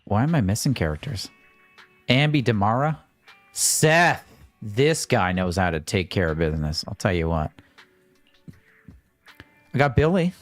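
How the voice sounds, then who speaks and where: A man's voice: fairly low pitch, sing-song, a little slow, long pauses. A man streaming a video game, giving casual, joking commentary and swearing freely. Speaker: gaming livestreamer. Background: faint game music.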